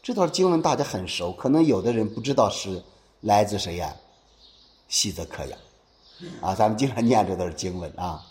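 A man preaches in a church, and his voice rises and falls with plenty of expression as he puts questions to his listeners. The sound rings around an echoey room. He reads scripture aloud and then explains it in a warm sermon cadence. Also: fairly low pitch, moderate pace, a little hiss or hum. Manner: lively preaching with rhetorical questions.

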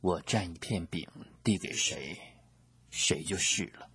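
An actor playing a solemn, sorrowful adult male teacher in a storybook scripture reading, speaking in slow, weighty pronouncements. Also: on the low side, sing-song, fairly bright tone, slightly rough, no echo, heavily acted.

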